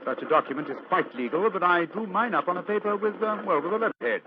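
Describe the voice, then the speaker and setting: An actor playing Sherlock Holmes, a shrewd, self-assured British gentleman detective, in theatrical 1940s radio style. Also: sits high, fast talker, natural voice. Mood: amused, smug. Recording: dull, noisy old radio recording.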